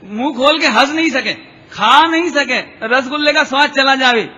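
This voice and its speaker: A man giving a devotional lecture, chanting scripture verses slowly and explaining them with questions put to the listeners. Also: very high-pitched, sharp tone. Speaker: Jain preacher. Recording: dull lo-fi recording in a reverberant hall.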